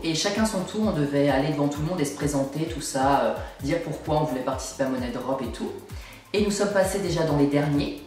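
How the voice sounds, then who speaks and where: A man's voice: on the high side, a little mellow. A young man giving an emphatic, exasperated opinion rant to camera, complaining as he goes. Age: young adult. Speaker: video blogger. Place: small indoor room at home. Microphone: camera at a short distance. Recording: very echoey room, distant microphone.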